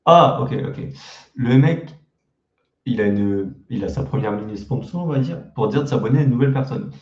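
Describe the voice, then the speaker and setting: Mocking young man with a mellow voice. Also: medium pitch, animated, normal speed, reverberant, lo-fi sound. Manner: mocking, crude slang, self-deprecating. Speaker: YouTuber reacting to his old videos. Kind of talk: casual reaction commentary.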